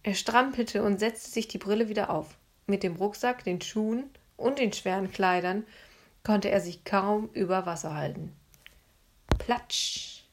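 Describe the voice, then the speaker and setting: A woman narrating a children's storybook in a hushed, suspenseful manner. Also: medium pitch, moderate pace. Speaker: audiobook narrator.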